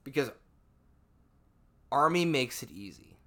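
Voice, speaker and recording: A man's voice: medium pitch, animated, takes it slowly, a bit bright. A young man in casual podcast chat, joking around, swearing casually and laughing between lines.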